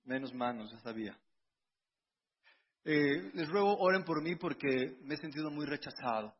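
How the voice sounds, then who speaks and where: Casting: middle-aged pastor, high husky voice, chatty storytelling sermon, muffled lo-fi audio. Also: male voice, expressive, moderate pace. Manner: conversational preaching, personal anecdotes, repeated restarts. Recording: dull lo-fi sound.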